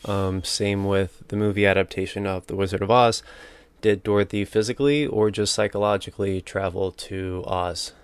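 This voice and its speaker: A man's voice: fairly low pitch, steady tone, moderate pace, clear, resonant tone, no room sound. A man hosting a casual solo book discussion. He thinks aloud and hesitates, correcting himself as he talks into a battery-powered microphone. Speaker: podcast host.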